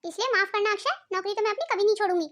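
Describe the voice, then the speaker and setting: A woman's voice: very high-pitched, racing, fairly bright tone. A woman voicing a proud, defiant young wife. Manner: earnest, defiant. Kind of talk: cartoon voice acting.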